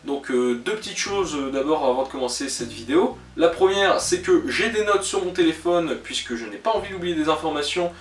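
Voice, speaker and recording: Brief: man, film reviewer, higher voice, halting with fillers, slightly distant mic in an echoey room, faint music. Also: animated. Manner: hesitant, many "euh" fillers and self-corrections; joking asides. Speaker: film reviewer, channel host. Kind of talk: casual spoken film review. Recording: roomy echo, voice a bit off-mic, faint music behind.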